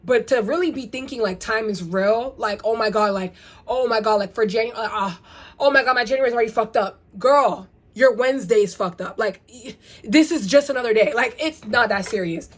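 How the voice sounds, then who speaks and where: Young woman vlogger, casual and rambling, slightly high voice, full of rhetorical questions. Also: normal speed. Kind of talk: casual get-ready-with-me vlog.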